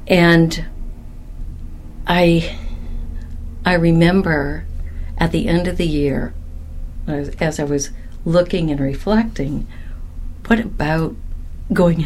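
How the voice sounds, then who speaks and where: Woman business coach, low-pitched, measured and reflective storyteller. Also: darkish tone, a little hiss or hum. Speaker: business speaking coach and co-founder.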